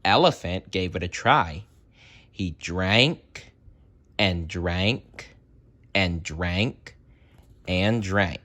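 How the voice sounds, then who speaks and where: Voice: low-pitched, very slow, pauses often, fairly bright tone. A storybook reader narrating expressively for young children and addressing the listeners directly. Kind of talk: animated children's read-aloud narration.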